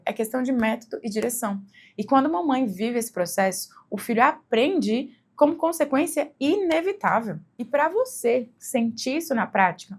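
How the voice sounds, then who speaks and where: A woman's voice: on the high side, breathy edge. A woman with a Brazilian accent giving a conversational lesson to the camera, often checking in with tag questions. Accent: Brazilian Portuguese. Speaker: English teacher for mothers. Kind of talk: instructional video talk to the camera.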